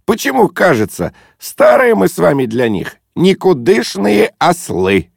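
A man voicing a brash, overfamiliar man who teases and shouts in bursts, in an audiobook reading. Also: medium pitch, animated, measured pace, gravelly, no echo, clean studio sound, voice pushed up. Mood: cheeky, brash. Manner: boisterous, teasing, shouty bursts. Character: brash overfamiliar loud man, mocking, pushy.

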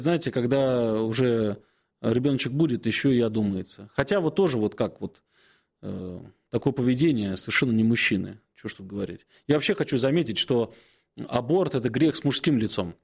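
A man in his forties, an Orthodox priest on a call-in show, answering questions slowly with many hesitant pauses and gentle advice. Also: medium pitch, vocal fry, husky. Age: 40s.

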